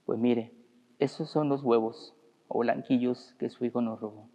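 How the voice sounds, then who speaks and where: A priest voicing a calm farm owner who makes a reasonable request in a sermon story. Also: male voice, medium pitch, moderate pace, long reverb tail, muffled recording, natural voice.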